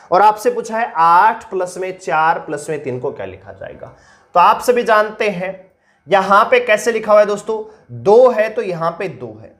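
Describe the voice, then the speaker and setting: Teaching reasoning for exam prep online, a man speaks with a fairly bright tone despite a sore throat. He throws questions out to viewers and answers them on his own in a slower, lower voice, breaking the explanation into steps.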